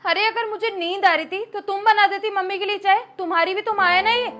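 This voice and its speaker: A woman's voice: very high voice, steady tone, a little fast, fairly bright tone. Woman playing a sassy defiant daughter-in-law. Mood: irritated. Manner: sassy, dismissive. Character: lazy defiant young daughter-in-law, cunning.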